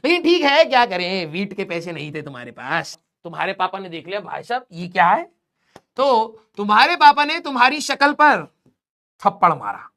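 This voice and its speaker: A man's voice: sits high, very animated, normal speed, sharp tone. A male physics teacher giving a joking classroom lecture, roasting his students as he draws. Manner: teasing, roasting students while drawing.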